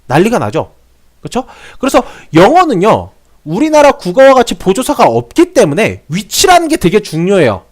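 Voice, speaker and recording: Lively high-voiced man teaching grammar. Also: normal speed. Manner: chatty, repeats phrases, rhetorical questions. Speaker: English teacher. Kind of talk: explanatory grammar lesson.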